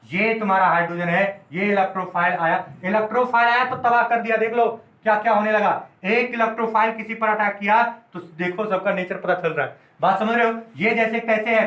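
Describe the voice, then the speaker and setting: A man teaching a chemistry lesson at a whiteboard. He keeps checking that students follow, explains with playful everyday stories, and slows down to dictate notes. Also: high voice, fairly bright tone, echoey room, rough recording.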